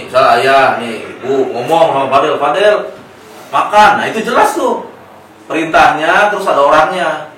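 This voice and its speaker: Man coaching a patient in an echoey room. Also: medium pitch. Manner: gentle coaching, then plain explanation to parents. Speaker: therapist at a clinic. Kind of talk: clinical consultation with a patient and family. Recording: echoey room, mic at a distance, faint noise.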